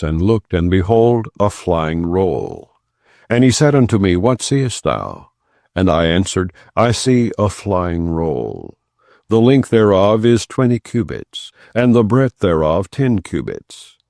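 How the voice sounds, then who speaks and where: A man reads an audiobook of scripture in a solemn, undramatized way, phrasing each line deliberately and pausing between clauses. His voice sits low with vocal fry and a slightly mellow quality, captured in clean studio sound without echo.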